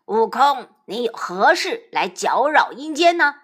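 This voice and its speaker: A woman voicing a stern older male judge of the underworld in a storybook tale, speaking in a lowered, deliberate voice. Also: big pitch swings, a bit bright, heavily acted.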